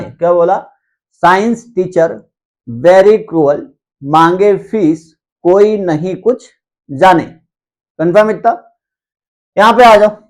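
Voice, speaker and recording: Male chemistry tutor with a high voice who drills mnemonics with repeated questions and an easygoing classroom manner. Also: darkish tone. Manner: addresses students informally and reassuringly. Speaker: chemistry teacher. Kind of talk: classroom lecture with memory tricks.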